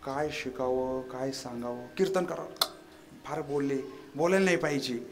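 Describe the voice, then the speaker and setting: A man preaching a devotional kirtan to a live audience, quizzing them for quick answers and mixing scripture with humorous anecdotes. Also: mid-range voice, steady tone. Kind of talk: devotional kirtan sermon with audience call-and-response.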